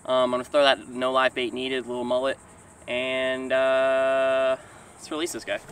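Young male vlogger, relaxed thinking-aloud talk, outdoor action-cam sound with faint noise. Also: mid-range voice, unhurried. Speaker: fishing vlogger. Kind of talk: casual outdoor commentary. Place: small boat on open water outdoors. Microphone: action camera mounted on boat.

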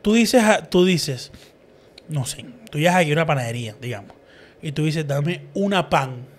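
A man hosting a casual podcast chat, animated and acting out the people in his stories. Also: on the high side, moderate pace. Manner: animated storyteller, acts out quoted people. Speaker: podcast host.

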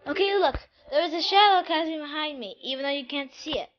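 A high, bright-sounding planet Earth, played by a woman, eager and bossy as she orders the Moon around. The recording is dull and lo-fi. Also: fast, lightly acted. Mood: excited.

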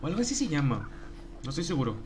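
A man's voice: fairly high pitch, sing-song, rapid-fire, noisy background. Joking young Mexican streamer guy. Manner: joking, laughing, reads chat aloud. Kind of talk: casual live-stream chat.

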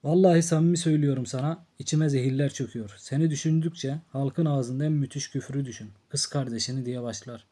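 A man's voice: mid-range voice, quick pace, few pauses, dark tone, breathy edge, close to an everyday voice. A man voicing a blunt, threatening drunk older brother in an audiobook, in a harsh scolding tone. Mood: angry. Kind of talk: audiobook character reading.

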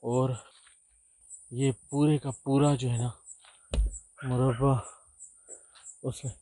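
A man's voice: medium pitch, level tone, takes it slowly, dark tone. A man hosting a ghost-hunting vlog outdoors in a forest at night, pleading and calling out repeatedly. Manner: pleading, calls out repeatedly in fear. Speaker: ghost-hunting show host. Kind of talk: paranormal vlog narration and banter.

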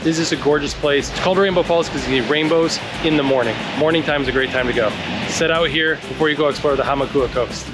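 A man's voice: on the high side, fast talker. Upbeat man giving travel tips outdoors. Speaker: travel guide host. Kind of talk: casual travel vlog. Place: outdoors on tropical trails and roadsides. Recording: music playing behind the voice.

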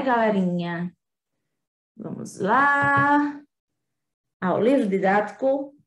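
Brief: high-voiced woman teacher, chatty with tag questions, echoey room. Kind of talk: remote class lesson.

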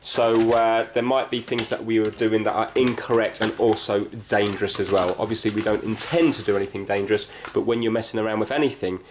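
With a steady tone and hardly any pauses, a man whose voice is on the low side speaks a little fast as he works through a repair for his amateur video. He's indoors on a wooden floor, thinking aloud casually and checking himself with questions, captured in a clicky, noisy room.

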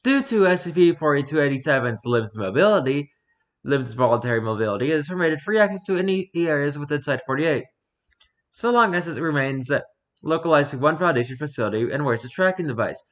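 A man's voice: fairly high pitch, expressive, fast talker. A man casually reading a story document aloud and adding dry, sarcastic asides. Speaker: reader.

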